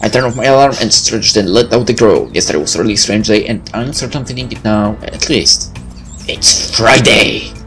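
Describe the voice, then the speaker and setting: Reading a visual novel for a let's play, a man speaks at normal speed in a lowish, slightly bright voice. Game music runs underneath as he drops in offhand jokes and curse-filled asides.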